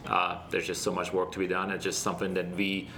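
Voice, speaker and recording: A man answering interview questions casually as a guest, speaking in an earnest, reflective and halting way. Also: sits low, completely flat delivery, creaky, pushed and bright, slight background noise. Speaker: interview guest, startup founder.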